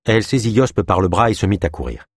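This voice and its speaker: A man narrating a novel as an audiobook in a measured, expressive manner. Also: on the low side, breathy edge, no room sound, studio quality. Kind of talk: audiobook reading.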